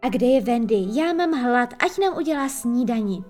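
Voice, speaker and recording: A woman's voice: fairly high pitch, expressive, a little mellow, faint music behind, close to an everyday voice. A woman voicing a sleepy, whiny little boy. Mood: whiny, excited. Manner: whiny, bouncy.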